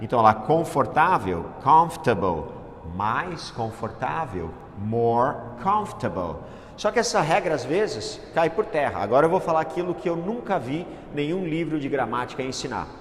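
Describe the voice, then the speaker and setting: Animated man teaching in an echoey room. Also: on the high side, moderate pace, slight background noise. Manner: animated, exclamatory, emphatic. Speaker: English teacher. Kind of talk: classroom grammar lesson. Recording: echoey room with long reverb.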